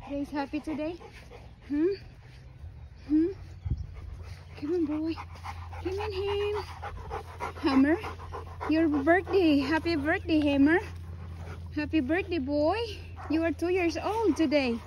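A woman with a high voice talks slowly and gently to her dogs in a coaxing, sing-song way, as if hosting a casual pet vlog. She is recorded outdoors on a handheld phone. Plenty of background noise comes through. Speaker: dog owner vlogger.

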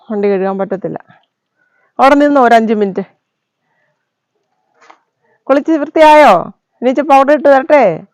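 A woman's voice: on the high side, darkish tone, no room sound. A woman vlogging at home in her yard, talking to her pet dog in a coaxing, affectionate way. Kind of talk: casual vlog chat while caring for a pet dog.

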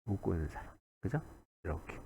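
A man's voice: sits low, sing-song, quick pace, gravelly, mellow, slightly rough. A man giving a recorded grammar lecture, repeating key words and checking in with "right?" often. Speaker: English grammar teacher.

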